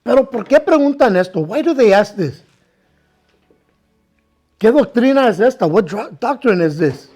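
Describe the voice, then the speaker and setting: A pastor with a notably high voice delivers a bilingual sermon, saying each thought in Spanish and then again in English. He reads scripture aloud and slows down on the key words, while soft music plays faintly behind him. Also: expressive.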